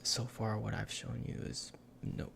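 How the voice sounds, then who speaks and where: Man for whispered role-play, salesman part; hushed delivery, heavy vocal fry, casual explanatory patter. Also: lowish voice, flat delivery, a little slow. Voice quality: breathy whisper with gravelly creak. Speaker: ASMR performer playing a cologne salesman.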